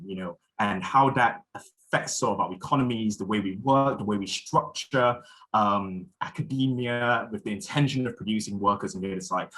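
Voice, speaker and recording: A young man from Malaysia chairs a symposium and gives its opening talk. His voice sits a little low, and he speaks thoughtfully, pausing on fillers and restarting his sentences. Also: fairly bright tone, slight background noise, low-quality recording. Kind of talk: spoken conference introduction.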